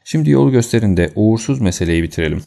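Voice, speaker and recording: A man voicing a sharp, decisive male detective who gives brisk commands in an audiobook. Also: on the low side, lively intonation, creaky.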